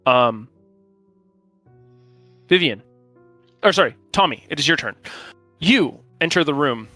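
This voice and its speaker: Bright-voiced man running a tabletop game. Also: on the high side, expressive, no room sound, faint music behind. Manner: informal, halting while checking rules. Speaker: game master. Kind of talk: running a tabletop role-playing game, improvised narration.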